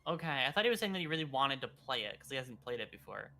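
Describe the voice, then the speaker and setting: A man's voice: medium pitch, big pitch swings, racing, pushed and bright. A man chatting casually as a guest on a stream, full of questions and swearing as he goes. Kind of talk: casual chat.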